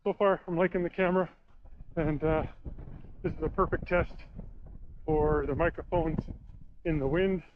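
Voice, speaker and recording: A man's voice: a little high, steady tone, normal speed, pauses often, narrow, tinny audio. A man chatting casually to his vlog audience while out walking, talking into strong wind on a camera's built-in microphone. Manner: talking into strong wind, with throat-clearing and puffing. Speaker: vlogger testing camera microphones. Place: outdoors by a river in strong wind. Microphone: built-in action camera microphone.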